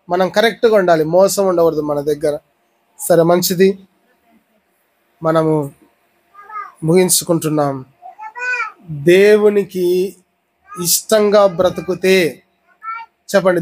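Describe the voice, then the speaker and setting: A high-pitched man from India with a Rayalaseema Telugu accent preaching a sermon. He keeps firing the same question at his listeners and explains with everyday examples. He teaches with steady conviction. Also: rough recording. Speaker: pastor.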